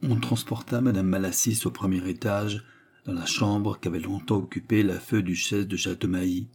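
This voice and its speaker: A man narrating a classic novel in a measured, literary storytelling manner. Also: deep voice, fairly even intonation, darkish tone, breathy edge. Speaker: audiobook narrator. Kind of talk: scripted narration.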